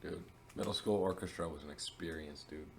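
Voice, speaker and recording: A man's voice: deep voice, fairly quick, darkish tone, slight background noise. A young man chatting casually on a podcast, drawling through anecdotes with plenty of "like" and "dude". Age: young adult. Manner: laid-back, drawling anecdotes full of "like" and "dude". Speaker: podcast guest. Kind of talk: casual chat.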